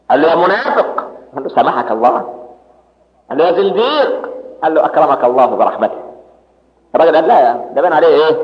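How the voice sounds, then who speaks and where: Fast, high-voiced Egyptian preacher in echoey hall. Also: male voice. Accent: Egyptian Arabic. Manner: lively, asks the audience rhetorical questions, acts out dialogues. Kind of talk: sermon. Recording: echoey hall, dull lo-fi audio.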